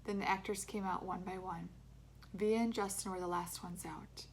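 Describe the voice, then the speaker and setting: A woman teacher reading a chapter book aloud to her third-grade class, with expressive storytelling. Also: lowish voice, normal speed, creaky, a little hiss or hum. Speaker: elementary school teacher. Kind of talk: reading a children's novel aloud.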